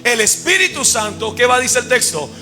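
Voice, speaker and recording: A man preaching from the pulpit in a high, ringing voice, with clear music behind him. He keeps firing questions at the congregation and has them finish his sentences. He swings from loud emphasis to low, quiet asides. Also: lively intonation, moderate pace. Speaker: pastor. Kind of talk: sermon. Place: church service.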